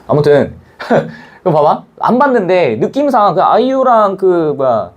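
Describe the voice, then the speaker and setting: Animated high-voiced male teacher. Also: a little slow. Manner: animated, chatty, acts out scenes, blunt slang. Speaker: Korean language teacher. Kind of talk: casual classroom lecture.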